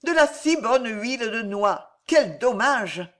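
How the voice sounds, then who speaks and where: A reader voicing a calm, obedient young female innkeeper in an audiobook, answering in short, placid replies. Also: medium pitch, slow pace, full character voice. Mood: regretful.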